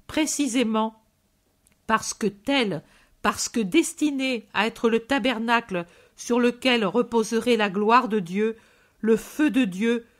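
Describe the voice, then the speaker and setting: Compassionate male preacher, solemn and exhorting, read by a woman. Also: on the high side.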